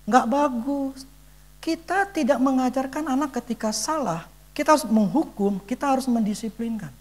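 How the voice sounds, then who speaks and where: A father giving an earnest church testimony in a conversational sermon style, emphatic and often pausing to search for words. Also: extremely high pitch.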